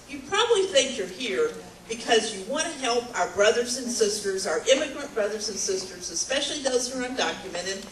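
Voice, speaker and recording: A woman's voice: medium pitch, fairly bright tone. A woman giving an earnest, persuasive speech to a crowd in a large hall. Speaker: speaker at a rally. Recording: echoey room, distant mic, faint ambient noise.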